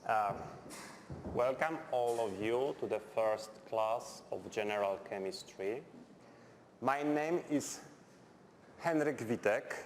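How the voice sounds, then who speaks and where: With a noticeable Polish accent, a chemistry lecturer from Poland delivers a university lecture in English, his second language, slowly and with long pauses. He is blunt and direct, using simple phrasing and dry humour, his voice at an ordinary middle pitch. A faint hum and the long reverb of the lecture hall surround him.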